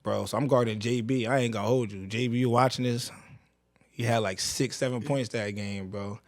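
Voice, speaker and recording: Young man from Connecticut, podcast host, dry close sound, mid pitch, animated slangy storytelling. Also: normal speed, no room sound. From Bridgeport, Connecticut, USA. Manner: animated storyteller, heavy slang, laughs often. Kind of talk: casual conversational interview.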